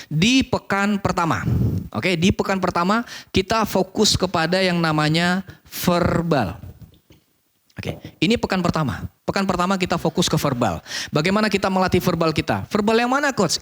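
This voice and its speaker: A man teaching a public speaking course, often asking questions and answering them himself, repeating key phrases for emphasis. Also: high voice. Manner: animated, asks and answers his own questions. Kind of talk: online course lesson.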